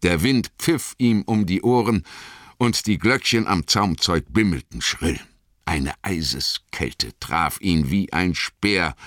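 Deep-voiced man reading a story dramatically. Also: fairly bright tone, dry recording, studio quality. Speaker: audiobook narrator. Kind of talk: scripted narration.

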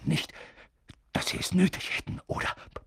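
A man's voice: moderate pace, fairly bright tone, a little hiss or hum, close to an everyday voice. A man voicing a pale, twitchy young professor who stammers in a nervous half-whisper.

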